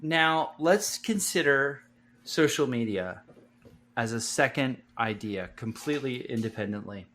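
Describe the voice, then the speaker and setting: A man's voice: mid-range voice, expressive, unhurried, fairly bright tone. A man co-hosting a podcast, rambling through a long question and swearing casually. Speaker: podcast co-host.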